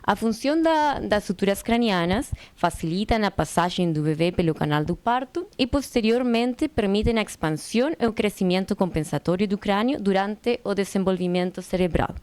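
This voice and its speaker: A woman's voice: mid-range voice, lively intonation, normal speed, few pauses, darkish tone, clear, resonant tone, no room sound. A non-native Portuguese-speaking woman with a foreign accent, carefully reading out a formal medical lecture with small stumbles. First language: not Portuguese. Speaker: medical presenter. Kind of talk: scripted medical lecture, read aloud.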